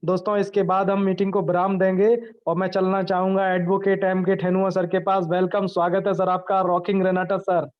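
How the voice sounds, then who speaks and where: A man's voice: high voice, monotone, moderate pace, few pauses, clear, resonant tone, muffled recording. A man hosting an online training session, effusive and full of repeated thanks, heard through a video call.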